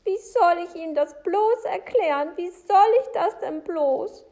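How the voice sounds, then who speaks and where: A woman's voice: very high voice, unhurried, mellow, voice pushed up. A woman voicing a flustered, fretful older housekeeper who mutters and repeats herself. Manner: anxious, repetitive muttering.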